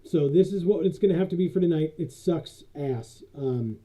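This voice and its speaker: A man streaming live, chatting casually and haltingly with many fillers, his voice muffled as if he is talking through a tube. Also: on the high side, expressive, mellow. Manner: rambling, halting, many fillers and self-corrections. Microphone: built-in USB camera microphone. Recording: dull lo-fi USB camera microphone.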